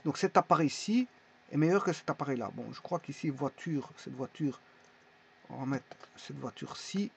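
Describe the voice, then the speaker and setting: A man teaching a language lesson in a casual, halting way, pausing often to think. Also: a little high, gravelly, slight background noise. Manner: halting, many fillers and restarts. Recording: dull lo-fi recording.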